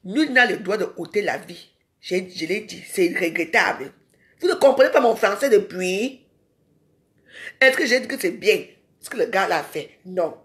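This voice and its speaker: A woman's voice: mid-range voice, animated, normal speed, fairly bright tone. A woman ranting in a live social media video. She is confrontational and scolding and keeps firing rhetorical questions at her viewers.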